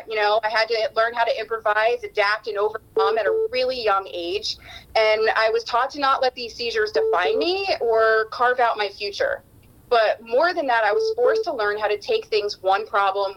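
A woman's voice: mid-range voice, a bit bright, poor audio. A woman in her thirties telling a personal story in an earnest way, with frequent ums.

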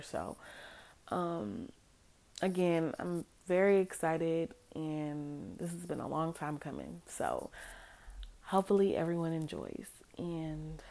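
A woman hosting a podcast introduction, chatting informally and directly to listeners, recorded in low quality on a phone. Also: vocal fry, warm tone. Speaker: podcast host. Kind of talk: casual spoken podcast introduction.

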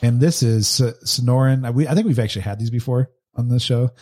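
A man's voice: medium pitch, brisk, a little mellow. A man co-hosting a casual podcast chat on a lavalier mic, joking and moving the show along. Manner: laughs often, jokey, leads segments. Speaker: podcast co-host.

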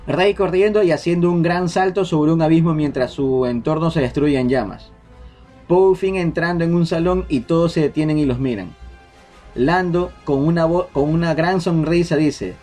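A man, hosting a casual podcast chat, relaying leaked details in a quick, restarting way. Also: a little high, darkish tone. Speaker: podcast host. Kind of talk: casual group chat about film rumors.

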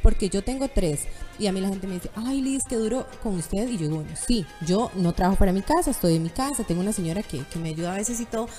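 Woman in her thirties, mellow tone, candid chat guest who acts out quotes. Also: medium pitch, quick pace, soft background music. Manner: animated storytelling, acts out quoted voices.

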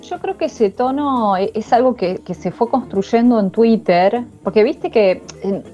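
A woman's voice: on the high side, expressive, unhurried, mellow, muffled recording, soft background music. A woman with an Argentine accent, an author talking casually about her book in an interview, slangy and thinking aloud. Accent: Argentine Spanish. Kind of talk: casual conversation.

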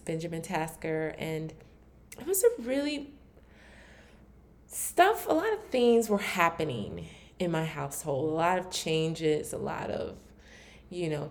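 Woman podcast host from Maryland with a slightly low voice, solo and candid, thinking aloud with plenty of fillers. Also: a little mellow. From Maryland, USA. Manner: candid and reflective, with frequent "like" fillers and restarts. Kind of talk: casual solo podcast talk.

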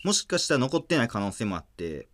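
A man with a Kansai accent hosting a casual comedic radio chat, bantering and quick to laugh and retort. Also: mid-range voice, big pitch swings, fairly bright tone. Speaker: radio show host. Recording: music playing behind the voice.

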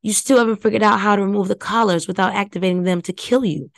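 A woman voicing a cold, scheming male villain in a story reading, with a slow, smug drawl. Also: medium pitch, fairly even intonation, gravelly, dry recording, lightly acted, low-quality recording. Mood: sneering. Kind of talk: audiobook reading.

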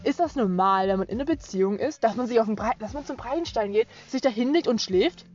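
A young woman vlogger chatting casually, telling stories with lively acted-out quotes and frequent laughter. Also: on the high side, quick pace. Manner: animated storytelling, acts out friends' quotes, laughs often. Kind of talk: casual chat. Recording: lo-fi dull sound.

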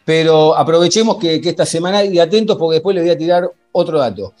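An Argentine man recaps football as a podcast host in a high register. He talks conversationally, doubling back on phrases and seeking agreement. Soft music plays behind him. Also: fast talker. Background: faint music.

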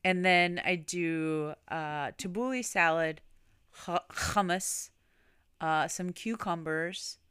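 A woman's voice: lowish voice, fairly even intonation, slow, a bit bright, clean tone, no room sound, studio quality. A woman co-hosting a podcast in casual chat, teasing her co-host playfully and laughing often.

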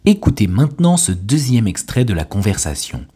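A man hosting a podcast as a language teacher, giving a scripted lesson with clear, deliberate delivery. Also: fairly low pitch, sing-song, warm tone. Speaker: French teacher and podcast host.

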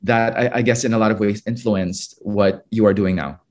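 A man's voice: fairly low pitch, steady tone, moderate pace, darkish tone. A man hosting an interview, asking long questions with hedges and fillers. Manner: fluent but hedging, many fillers.

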